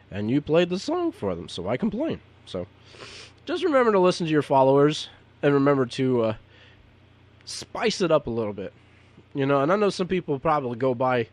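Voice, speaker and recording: A man's voice: on the high side, no echo. A man who is a podcaster and DJ, talking unscripted and giving advice to other podcasters in a rambling, repetitive, earnest way. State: hiccups.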